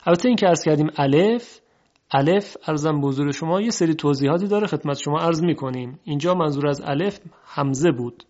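A man teaching a formal lesson, politely explaining and slowly drawing out example sounds. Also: fairly high pitch, a little mellow. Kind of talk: lecture on Arabic phonetics. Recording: dull lo-fi recording.

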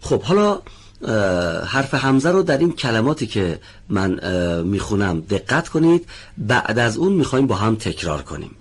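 Low husky male teacher. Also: big pitch swings. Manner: patient, careful, calls on students one by one. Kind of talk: televised pronunciation lesson. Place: studio.

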